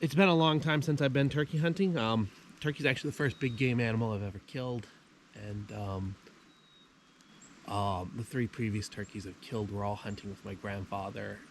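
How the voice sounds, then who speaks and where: A man in his thirties from the USA, talking casually for his hunting vlog outdoors on a farm, halting and emotional with many fillers. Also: lowish voice, slight background noise. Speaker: hunting vlogger.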